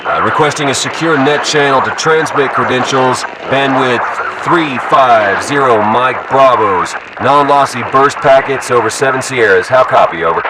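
A man's voice: medium pitch, moderate pace, few pauses. A man playing a male soldier reporting in with radio callsigns, heard over a military radio. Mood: steady. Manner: steady radio procedure with callsigns and hesitant fillers. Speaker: field unit radio operator. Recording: distant noisy radio transmission.

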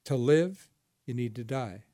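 A man's voice: mid-range voice, expressive, a little slow, warm tone, no echo, studio quality. A man hosting a ministry talk show as pastor, asking questions, telling stories and laughing often. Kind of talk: casual ministry interview.

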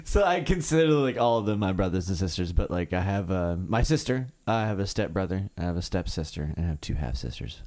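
A man's voice: sits low, very animated, fairly quick, hardly any pauses, a little mellow. A man in his early thirties from Kentucky, a guest musician talking in a laid-back way, full of "like" and "uh". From Kentucky, USA. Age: 30s. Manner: laid-back, leans on "like" and "uh" a lot. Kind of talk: casual interview chat.

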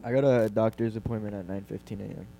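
A man's voice: on the low side, fairly even intonation, quick pace, vocal fry, dark tone. A young man co-hosting a podcast, laid-back and slangy, brushing off his friends' teasing. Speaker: podcast co-host. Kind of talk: casual chat.

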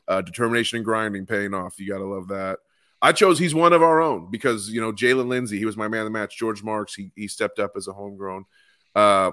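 A man's voice: lowish voice, fairly bright tone, dry recording, clean studio sound. A man co-hosting a casual sports podcast, chatty and enthusiastic as he reads out fan replies. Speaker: podcast co-host. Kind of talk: casual chat.

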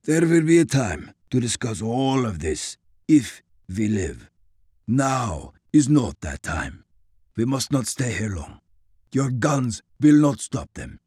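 A stern, commanding soldier, as a male narrator puts him on, clipped and loud, his pitch pushed up above the narrator's. Every sentence lands like an order. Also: big pitch swings, slow, slightly rough, no room sound, studio quality, heavily acted.

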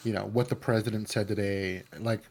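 In a casual interview conversation, a Bay Area man from California speaks a little fast, with fairly low pitch, fairly even intonation, and a darkish tone. He rambles, leaning on plenty of fillers and restarts.

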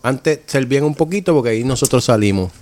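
A man's voice: medium pitch, expressive, fast, darkish tone, slight background noise. A man with a Puerto Rican accent co-hosting a casual podcast, laid-back and argumentative, swearing casually. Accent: Puerto Rican Spanish. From Puerto Rico. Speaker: podcast co-host. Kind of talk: casual bar-style chat.

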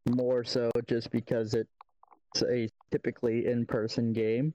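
A man's voice: medium pitch, completely flat delivery, a little slow, mellow, muffled recording. A man on a casual group podcast, asking questions in a hedging, curious way. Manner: inquisitive, hedging. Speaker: podcast co-host.

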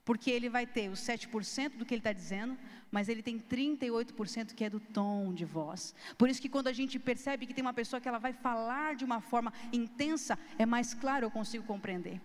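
A woman teaching a video lesson. Her voice sits fairly high, and she talks casually and emphatically to the viewer. A long reverb trails behind her words, as in a hall. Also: a little fast. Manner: lively, emphatic, changes tone and pace often to demonstrate; casual Brazilian slang, addresses viewers directly. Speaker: youth ministry teacher. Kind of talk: recorded video lesson with slides.

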